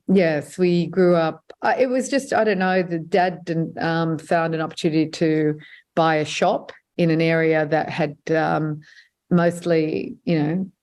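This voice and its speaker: A woman's voice: deep voice, a little mellow. A woman in her fifties with an Australian accent, telling her own story conversationally as an interview guest. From Sydney, Australia. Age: 50s.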